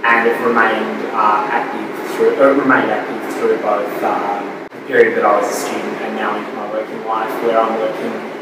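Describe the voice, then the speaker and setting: A man in his thirties introducing himself in a halting, stop-start way. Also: lowish voice, monotone. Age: 30s. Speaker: activist and aviation auditor. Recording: very echoey room, distant mic, loud noise.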